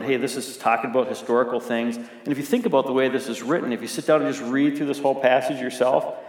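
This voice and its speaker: A middle-aged man preaching a sermon as pastor, talking conversationally and putting questions to the congregation. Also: mid-range voice. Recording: echoey hall with long reverb.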